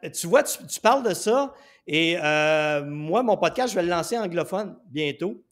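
A man with a Québécois French accent hosts a casual podcast interview, chatty and enthusiastic, telling anecdotes full of fillers. His voice is on the high side, expressive and fairly bright, at a normal speed.

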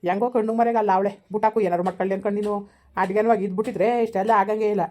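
A woman's voice: medium pitch, steady tone, rapid-fire, mellow, lightly acted. A woman playing a blunt older village woman who scolds, in a village family drama. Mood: scolding.

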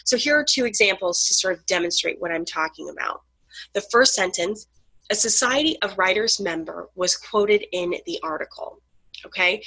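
A woman's voice: medium pitch, bright, forceful tone, no room sound, poor audio. A woman lecturing on grammar, explaining patiently with frequent ums and sounding out letters.

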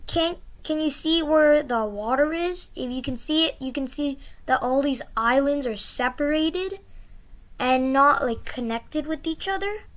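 Hosting her educational channel, a woman with a high, sharp voice gives a casual explainer, upbeat and encouraging, repeating key words to stress them.

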